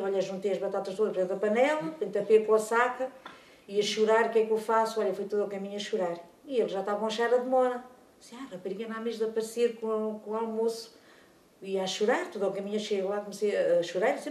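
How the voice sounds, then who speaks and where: An older woman with a European Portuguese accent, chattily telling a childhood story from her own life. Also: medium pitch. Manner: lively, chatty, animated retelling with fond diminutives. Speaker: senior storyteller. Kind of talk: life story told aloud. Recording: echoey room, speaker far from mic.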